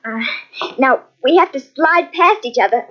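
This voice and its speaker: Devoted young sweetheart, high voice, anxious, emotional, old radio melodrama, muffled lo-fi recording. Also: female voice, lively intonation, normal speed. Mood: nervous. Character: anxious, devoted young woman drawn into murder. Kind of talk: 1940s radio melodrama acting. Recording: dull, lo-fi old radio cassette.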